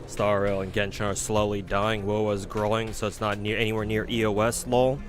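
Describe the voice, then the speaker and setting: The streamer speaks a little fast in a fairly low, flat voice, chatting casually while he plays. Expect rambling, cursing and plenty of "like" fillers, set against game music.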